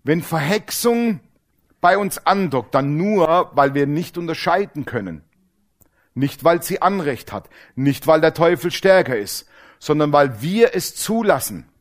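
A man preaching a sermon with dramatic storytelling, swinging between loud emphasis and low hushed asides, slowing down to stress key words. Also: lively intonation. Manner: slows down to stress key words, then rushes.

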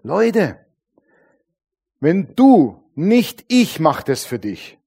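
A pastor preaches with a fairly high voice and lively swings of loudness and tempo. He slips into acted voices and asks the congregation again and again whether they agree. His delivery is an animated sermon. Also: drawn-out words, creaky, slightly rough. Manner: animated, acts out voices of churchgoers; calls on the congregation with tag questions.

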